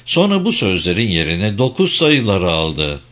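Low-voiced man reading an audiobook. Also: wildly swooping pitch, normal speed, fairly bright tone. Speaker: audiobook narrator. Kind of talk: dramatic audiobook narration.

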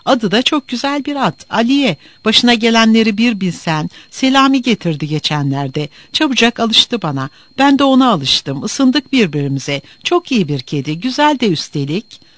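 A man voicing a gentle, dreamy eccentric who answers mildly and calmly. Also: high voice, normal speed, no echo, voice pushed up. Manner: mild, pleading when upset.

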